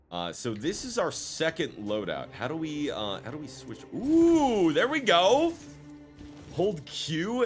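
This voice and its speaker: A man hosting a casual let's play with a lively, swinging delivery. He is playful and jokey as he talks through the game, with faint music behind him. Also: on the high side. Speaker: gaming video host.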